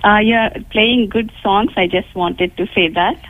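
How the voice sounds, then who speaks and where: A woman's voice: mid-range voice, unhurried. A woman from Pennsylvania calling into a radio show over the phone, talking hesitantly with fillers. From Pennsylvania, USA. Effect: heard over the phone. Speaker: radio call-in caller. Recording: tinny phone line.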